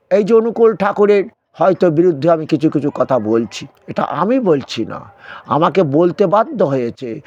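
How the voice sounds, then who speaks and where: A man's voice: fairly high pitch, darkish tone, lo-fi sound. A man giving a devotional sermon, admonishing his listeners with repeated rhetorical questions. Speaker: preacher.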